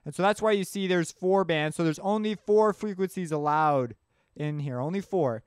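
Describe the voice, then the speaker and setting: A man with a high, smooth voice narrates a casual screencast tutorial on music production, explaining things informally as he thinks aloud. He talks at normal speed, and the recording is dry with clean studio sound.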